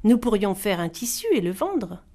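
A woman's voice: mid-range voice, big pitch swings, moderate pace, warm tone. A woman voicing the eldest of seven brothers in a storybook reading, an earnest young leader.

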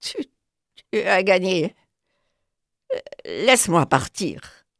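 A woman's voice: on the low side, big pitch swings, drawn-out words, vocal fry, no room sound, studio quality, heavily acted. A woman voicing a furious, greedy female panther spirit of the forest in a storybook reading, snarling threats before pleading in a trembling voice.

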